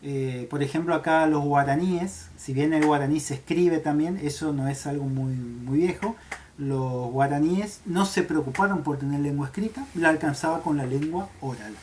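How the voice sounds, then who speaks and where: A male teacher explains a lesson in a relaxed, conversational way. He keeps pausing to check that his students follow, and he gestures as he talks. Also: on the high side, slight background noise. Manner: checks understanding with frequent "¿sí?", gestures while talking. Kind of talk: explanatory class video.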